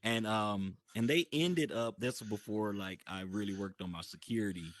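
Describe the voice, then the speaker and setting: A man's voice: on the low side, normal speed. A man casually telling a long story in a voice chat, full of restarts and fillers. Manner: rambling, many restarts and fillers. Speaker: guest describing his virtual world.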